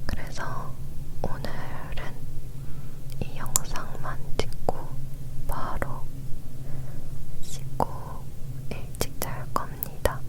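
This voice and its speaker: Young female ASMR creator, leaning in with an unhurried whisper, casual chat delivered close to the mic. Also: low-quality recording. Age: young adult. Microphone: close recorder microphone.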